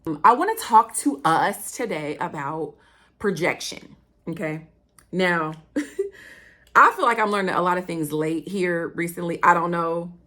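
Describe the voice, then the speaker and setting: Excitable woman hosting a chatty podcast. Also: lowish voice. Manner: excitable, fast-talking and animated; chatty, addresses listeners directly. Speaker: podcast host. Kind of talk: casual solo podcast talk.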